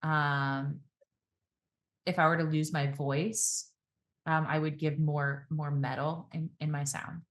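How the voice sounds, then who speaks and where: On a podcast, a female guest who works as a speaking coach talks in a calm, reflective way. She demonstrates by slowing her speech and shifting pitch and pace.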